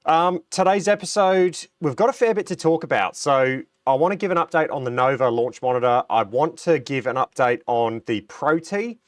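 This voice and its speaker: A man's voice: a little high, normal speed, few pauses, dry recording, clean studio sound. A middle-aged Australian man hosting a casual livestream, a little nasal from a cold, chatting and reading out viewer comments with plenty of ums and restarts. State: recovering from a cold, a bit nasal. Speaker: livestream host.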